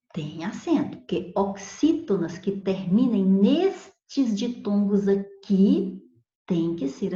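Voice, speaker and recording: In an echoey, dull lo-fi recording of a grammar lesson, a teacher whose voice is mid-range and mellow works through spelling rules. She stays patient, goes back over examples, and keeps checking in with "ok?".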